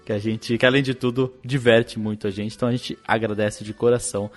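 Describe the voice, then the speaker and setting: Grateful podcast host over faint music. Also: male voice, on the low side, level tone, a little fast. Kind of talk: closing remarks of a podcast.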